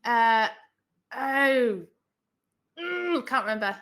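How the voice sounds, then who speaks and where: A woman co-hosting a casual podcast, reacting in an animated, exclamatory way. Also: a little high, extremely slow. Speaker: podcast co-host.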